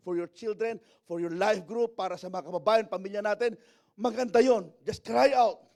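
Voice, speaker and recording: A man with a fairly high voice preaches a sermon. He drops into quiet asides, then swells into loud, emphatic calls. He keeps asking the congregation for an amen. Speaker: pastor.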